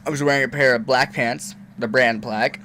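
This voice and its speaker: A young man telling a personal story on his vlog in an animated, rambling way, often stopping to ask "okay?". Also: mid-range voice, normal speed, slight background noise. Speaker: vlogger.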